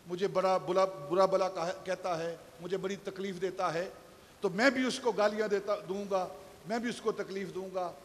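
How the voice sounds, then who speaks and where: High-voiced man preaching in a reverberant hall. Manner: storytelling preacher, voice rising to emphatic peaks. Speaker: pastor. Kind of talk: Friday sermon. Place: shrine mosque hall.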